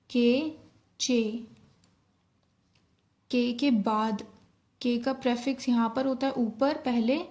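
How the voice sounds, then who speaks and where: Slow gravelly woman teaching shorthand. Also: a little high, a little mellow. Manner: slow, step-by-step explaining, mixing Hindi with English terms. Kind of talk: online shorthand lesson.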